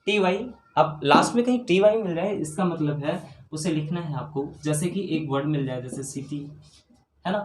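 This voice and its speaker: In an exam-prep grammar lecture, the teacher keeps asking the class whether they follow and spells out words one letter at a time. A mid-range voice at normal speed comes through in a roomy room with faint noise behind it.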